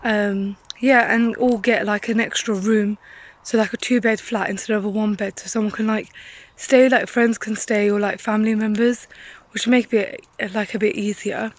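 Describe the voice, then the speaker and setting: A woman's voice: medium pitch, flat delivery, moderate pace, no room sound, rough recording. A woman in her twenties chatting casually for a vlog while walking up a steep hill outdoors, rambling with lots of "like", recorded on a handheld phone. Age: 20s. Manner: chatty and rambling, heavy use of "like". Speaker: vlogger.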